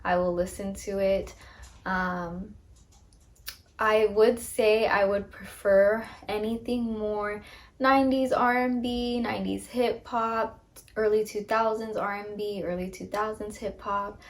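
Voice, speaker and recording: A woman in her twenties, a podcast host, chats casually and upbeat about herself, with lots of ums, recorded on a phone camera. She speaks slowly at medium pitch with fairly even intonation.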